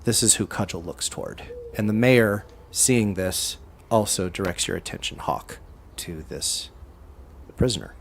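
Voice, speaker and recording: A man's voice: low-pitched, lively intonation, a little slow, vocal fry, slight background noise. A man narrating as game master of a tabletop game, descriptive and hesitant, with frequent fillers.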